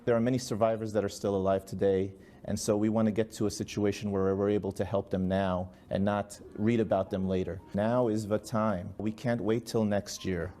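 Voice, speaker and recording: A man's voice: on the low side, little pitch movement, a little fast, few pauses, mellow. A man speaking earnestly and urgently in a news clip, explaining a cause. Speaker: charity spokesman in news clip. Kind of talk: persuasive explanation.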